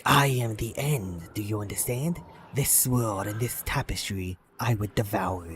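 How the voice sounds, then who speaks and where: A man voicing an ancient monumental serpent that speaks slowly and menacingly. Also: fairly low pitch, a bit bright, slight background noise. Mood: ominous. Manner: slow, drawn-out, ominous delivery.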